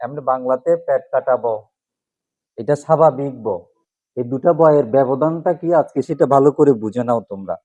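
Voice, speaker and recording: A man's voice: medium pitch, brisk, warm tone, no echo. A man teaching a class, drilling letters one by one and asking questions, then answering them himself. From Bangladesh. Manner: asks questions and repeats answers. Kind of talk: classroom lesson on alphabet pronunciation.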